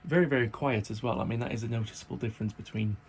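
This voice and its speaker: Croaky from hay fever and a short night, a man casually commentates as he unboxes and tests a model locomotive. His voice is medium-pitched and steady, he keeps circling back to the same praise and peppers his talk with fillers, and there's slight background noise.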